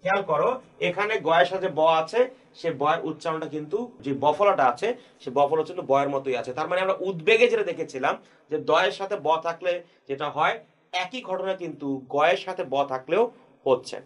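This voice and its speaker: A man with a Bangladeshi Bengali accent teaching a grammar lesson to students, patiently repeating and slowly spelling out each key point. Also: a little high, fairly bright tone.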